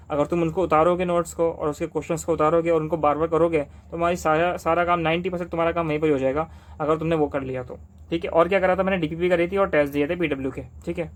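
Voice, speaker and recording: A young man from Delhi giving exam study advice to camera in fast, insistent casual talk, repeating points with rhetorical questions. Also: on the high side. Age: young adult.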